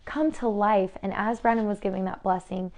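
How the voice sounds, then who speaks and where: A woman's voice: mid-range voice, steady tone, moderate pace, a little mellow. A young adult woman chatting in a bubbly way on her home vlog, sharing faith stories and crafts. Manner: bubbly and chatty, with frequent "like" and laughs. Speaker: vlogger. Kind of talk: casual faith-based vlog chat. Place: new family home.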